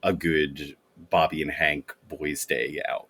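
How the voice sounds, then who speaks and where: Deep husky joking podcast man. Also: level tone, slow pace, fairly bright tone. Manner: joking, laughs often. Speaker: podcast co-host. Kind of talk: casual comic-book chat.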